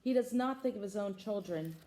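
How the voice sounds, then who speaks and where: A woman's voice: mid-range voice, animated, fairly quick, mellow, natural voice. A woman voicing a grave anteater parent who reproaches the man. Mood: reproachful.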